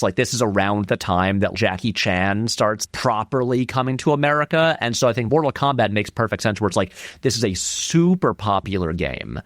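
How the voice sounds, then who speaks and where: Heard in a dry, studio-quality recording, this male interview guest is a filmmaker and video essayist with a lowish voice. He offers relaxed film commentary, rambling as he thinks out loud and leaning on important words.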